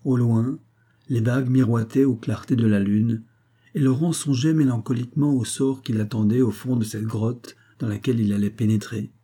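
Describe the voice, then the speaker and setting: Dark, husky male storyteller. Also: mid-range voice, fairly even intonation. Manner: measured, storytelling. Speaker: narrator. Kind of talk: audiobook narration.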